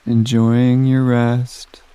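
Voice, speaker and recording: A man guiding a sleep meditation in a soft, soothing voice with long pauses, recorded close on the mic. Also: medium pitch, monotone, smooth, no echo. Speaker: meditation guide.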